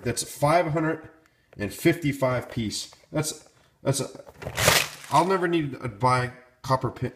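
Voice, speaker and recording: A man's voice: medium pitch, heavy background noise. A man casually walking through hardware kits in his garage workshop, rambling with many ums and restarts, filmed on a handheld phone. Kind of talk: casual off-the-cuff product walkthrough. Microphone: handheld phone camera, speaker off-screen.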